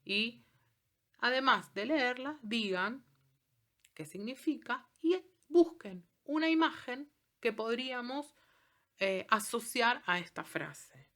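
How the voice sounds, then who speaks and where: A woman teacher giving a recorded class. She explains step by step, slows down on example words and keeps checking in with her students. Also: a little high, expressive, pushed and bright. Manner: patient, checks in with frequent "¿sí?". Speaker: Latin teacher. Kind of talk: recorded online class lesson.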